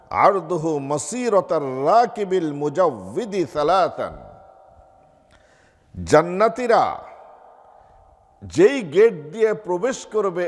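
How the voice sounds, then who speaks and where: A man's voice: on the high side, in a large hall. A man giving a sermon as a mufti in a mosque, asking his listeners rhetorical questions and reciting Arabic before explaining it. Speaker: mufti preaching. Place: mosque hall.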